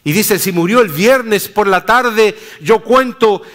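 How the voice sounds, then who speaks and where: A man pastor preaching a sermon in slow, deliberate phrases, dropping low and soft at the ends.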